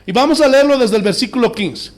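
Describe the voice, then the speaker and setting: A man's voice: very high voice, fairly quick. A male pastor preaching a sermon in a church, asking the congregation rhetorical questions. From Bolivia.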